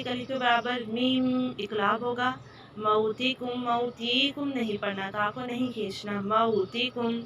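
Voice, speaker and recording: A woman's voice: on the high side, a bit bright, distant mic. A woman teaching a Quran recitation lesson, patiently explaining each sound and repeating the right and wrong way to say it. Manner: patient, instructive, repeats correct and wrong pronunciations. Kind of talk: tajweed lesson.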